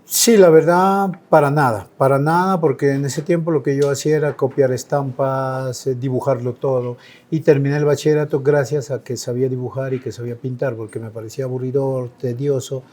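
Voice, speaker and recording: A man's voice: mid-range voice, fairly even intonation, brisk, darkish tone. A man in his sixties from Colombia, a painter giving an interview, speaking reflectively with frequent hesitations. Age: 60s. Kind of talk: relaxed conversational interview.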